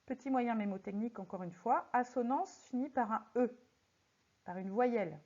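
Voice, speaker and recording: A fairly high-voiced woman teaching a lesson, pausing to tap out syllables one at a time. She speaks in a slow, deliberate way that makes each word stand out. The recording sounds slightly dull and lo-fi. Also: mellow. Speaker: French teacher. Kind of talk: recorded lesson correcting exercises. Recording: slightly muffled lo-fi audio.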